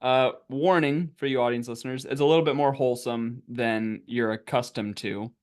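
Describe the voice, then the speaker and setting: A man's voice: mid-range voice, steady tone, moderate pace, clear, resonant tone. A man hosting a podcast in casual chat, playful while moving the show along. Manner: playful, steering the talk. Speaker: podcast host.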